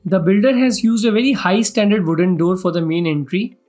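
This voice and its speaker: A man's voice: high-pitched, fairly quick, darkish tone. Indian-accented man presenting a property tour, music behind. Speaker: property vlog host. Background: background music.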